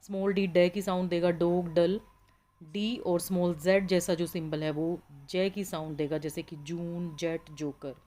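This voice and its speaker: Woman teacher, lowish voice, patient and slow, drills example words one by one. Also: steady tone, mellow. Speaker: English teacher. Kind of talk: classroom lesson on phonetics.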